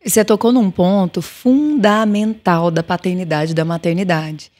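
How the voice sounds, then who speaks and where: A woman's voice: fairly low pitch, normal speed, darkish tone. A Brazilian woman, a podcast guest, chiming in with brief affirming remarks. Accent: Brazilian Portuguese. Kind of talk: podcast conversation.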